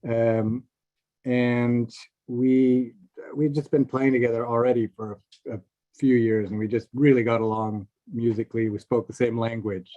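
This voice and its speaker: A middle-aged man from Seattle, a film composer, telling his story in a relaxed, rambling way over a video call. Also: medium pitch, moderate pace. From Seattle, USA. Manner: relaxed, rambling with many fillers. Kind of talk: casual video-call chat. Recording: dull lo-fi call audio.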